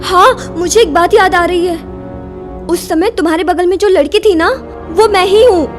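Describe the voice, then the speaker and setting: A woman's voice: extremely high pitch, moderate pace. An actress dubbing a frightened young woman who pleads tearfully and does not know what happened. Music plays behind her. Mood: recalling. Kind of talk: Hindi film dubbing. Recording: film soundtrack with music behind.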